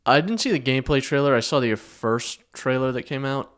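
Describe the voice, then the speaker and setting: A man's voice: mid-range voice, fairly quick, fairly bright tone. A young man co-hosting a podcast in casual chat, rambling and swearing, restarting his sentences. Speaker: podcast co-host.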